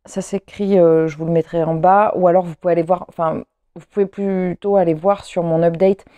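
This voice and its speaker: A woman's voice: lowish voice, fairly even intonation, a little fast, dark tone, no echo. A woman vlogger chatting casually to camera at home, rambling with frequent hesitations and restarts. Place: at home, seated.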